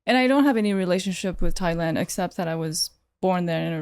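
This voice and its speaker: A California woman speaks quickly in a lowish, slightly mellow voice, with no room sound. An artist guesting on a podcast, she gives casual interview answers, explaining things informally and tentatively.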